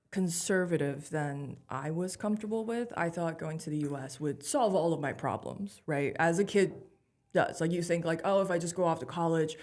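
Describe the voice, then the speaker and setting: A woman in her thirties with a slightly low voice. She is a guest in a casual interview. She tells her story with candid, animated energy. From Taiwan. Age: 30s. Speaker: guest comedian.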